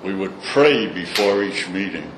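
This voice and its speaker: An older man with a Brooklyn accent, low-pitched and unhurried but with lively intonation, tells stories in an informal recorded interview. His manner is blunt, salty and opinionated. Echo and clear background noise are present.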